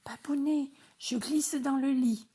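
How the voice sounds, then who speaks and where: A woman's voice: high-pitched, fairly even intonation, slow pace, dark tone, voice pushed up. A woman voicing a small, fussy little girl frog, with a raised, eager childlike tone.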